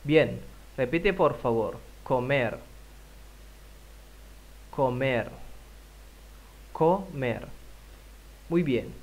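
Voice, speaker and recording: A man with an Indonesian accent teaching a language lesson, saying words slowly and repeating them for learners to echo. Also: mid-range voice. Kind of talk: slow, drilled language lesson.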